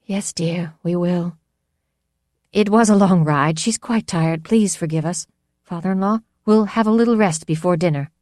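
A woman voicing a timid noblewoman who speaks in a tremulous, hushed way. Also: fairly low pitch, moderate pace, dry recording, studio quality, voice pushed up, close to an everyday voice. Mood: anxious.

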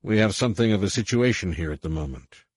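A man's voice: lowish voice, lively intonation, fast, slightly rough, no room sound, studio quality, voice pushed up. A man voicing a formal, pompous male general who blusters under pressure. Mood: stiff.

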